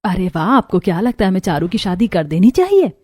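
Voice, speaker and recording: A woman's voice: mid-range voice, very animated, fairly quick, warm tone, lightly acted. A woman voicing a stern mother who favors her sons, in a cartoon story, speaking in a scolding, harsh way. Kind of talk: cartoon voice acting.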